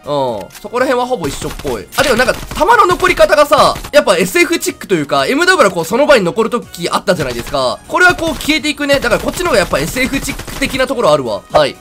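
A young man giving chatty, excitable gameplay commentary at his computer. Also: extremely high pitch, soft background music. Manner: chatty, excitable, rapid and animated. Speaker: game commentator.

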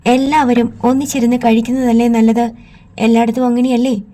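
A woman's voice: on the high side, level tone, fairly quick, warm tone, natural voice. A woman reading an audiobook, voicing a stubborn young woman who questions and holds firm.

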